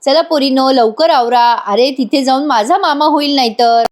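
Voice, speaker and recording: A woman's voice: high voice, moderate pace, close to an everyday voice. A woman voicing a jokey older man who hurries the girls along and teases them. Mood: teasing. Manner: teasing, bossy. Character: older man Mithun Kaka, jokey and hurrying.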